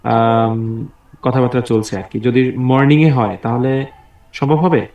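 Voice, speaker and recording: A man teaches an online class, patient and encouraging, drilling words aloud with his students. His voice sits at an ordinary pitch. It comes through a video call, sounding roomy and set back from the mic. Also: steady tone, unhurried, distant mic, lo-fi sound. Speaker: English teacher.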